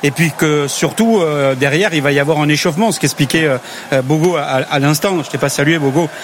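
A man commentating live sports on radio, halting and heavy with fillers. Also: on the high side, slight background noise.

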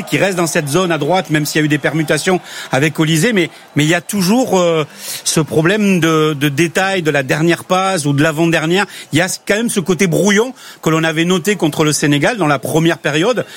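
A male radio sports commentator with a slightly raised voice keeps pausing on fillers and restarts. He talks through the live broadcast over a faint hum from outdoors. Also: fairly high pitch, a bit bright. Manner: halting, heavy with fillers.

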